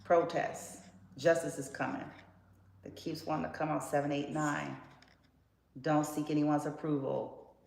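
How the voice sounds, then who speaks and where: A woman's voice: deep voice, flat delivery, measured pace, creaky, pauses often, a little mellow. A woman giving a casual tarot reading in a blunt, profane, sassy way. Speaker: tarot card reader. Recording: roomy echo with faint background noise.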